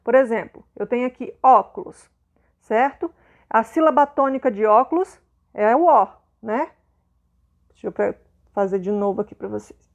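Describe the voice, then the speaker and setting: A woman's voice: fairly high pitch, normal speed, long pauses, dull audio. A Brazilian Portuguese-speaking woman teaching a primary school lesson patiently, often checking in with her pupils. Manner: patient, repeats points, checks in with "né?" and "ok?". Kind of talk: explanatory video lesson.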